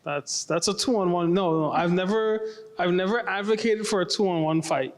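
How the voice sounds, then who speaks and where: A man chatting on a podcast in a loose, rambling way, often breaking into laughter. His voice sits a little high for a man. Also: normal speed. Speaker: podcast co-host. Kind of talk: casual chat.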